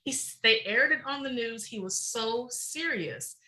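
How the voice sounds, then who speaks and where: A woman's voice: a little high, lively intonation, pushed and bright, low-quality recording. A middle-aged woman speaking passionately and emphatically as a guest in a podcast interview. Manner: passionate, emphatic, fast-flowing. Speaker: guest, researcher.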